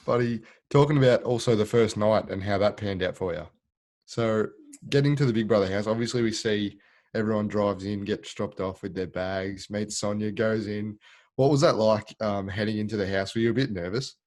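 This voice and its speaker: An Australian man hosting a podcast, asking loose, rambling questions in a relaxed casual chat. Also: on the low side, normal speed. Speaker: podcast host.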